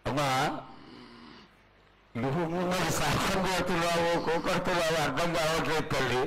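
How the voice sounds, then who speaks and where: A man's voice: a little high, moderate pace. A man speaking as a priest, making a reverent, pleading devotional petition at a live ritual. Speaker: priest addressing a goddess oracle. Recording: very noisy live event recording. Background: loud ambient event noise.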